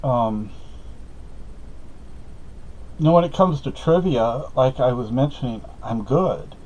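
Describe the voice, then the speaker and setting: This is a rambling personal story from a middle-aged Spanish vlogger who speaks Spanish natively, packed with fillers and corrections of himself. He talks slowly at medium pitch, his voice a bit mellow, and the lo-fi recording is slightly dull.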